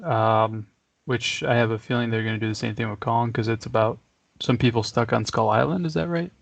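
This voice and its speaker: A man with a gravelly, creaky voice co-hosting a relaxed chat show. He rambles easily and chuckles between thoughts. The sound is dry and close, with little room around it. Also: mid-range voice, brisk, dry recording. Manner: laid-back, chuckling, rambling. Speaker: podcast co-host. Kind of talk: casual chat.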